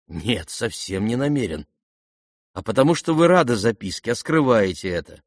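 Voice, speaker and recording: A man voicing a meek, gentle young prince who speaks mildly and patiently in an audiobook. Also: lowish voice, big pitch swings, normal speed, dry recording, clean studio sound. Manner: mild, patient, earnest. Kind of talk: audiobook character voice.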